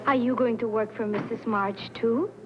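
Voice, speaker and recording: Casting: actress as a friendly young servant girl, fairly high voice, noisy old film track. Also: steady tone, moderate pace, highs cut off, lightly acted. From Austria. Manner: polite and friendly. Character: young Austrian woman hired as a servant, friendly and polite. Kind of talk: 1960s film acting.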